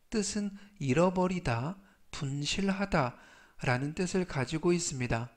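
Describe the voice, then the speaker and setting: Slow, deliberate Korean vocabulary teacher man. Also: on the high side. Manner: slow, deliberate word-by-word explanation with repeated pronunciations. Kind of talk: scripted vocabulary lesson.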